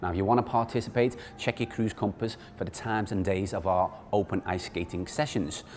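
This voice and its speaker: A man's voice: deep voice, fairly even intonation, brisk. A man speaking as an upbeat, chatty cruise director, presenting a ship tour to camera and joking with viewers. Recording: background noise, on-location ship ambience.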